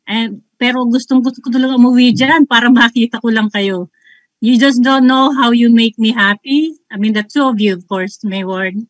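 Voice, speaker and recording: A woman's voice: a little high, steady tone, moderate pace, no echo, poor audio. A woman in her sixties with a Filipino accent, talking effusively on a video call, mixing Tagalog and English. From Philippines. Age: 60s. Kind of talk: casual chat.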